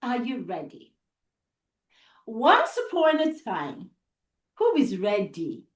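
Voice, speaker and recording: Hosting a live story for kids, a Nigerian-accented woman with a fairly high pitch uses dramatic pauses and repetition in her deliberate, expressive delivery. The recording has an echoey, roomy quality.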